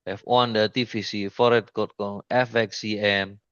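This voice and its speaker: A man with a low voice walks a listener through trading charts in a loose, halting way, often restarting and repeating "see, like this." The sound is dry and close, with dull lo-fi call audio. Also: little pitch movement, smooth, no room sound. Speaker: trading mentor. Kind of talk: informal screen-share lesson.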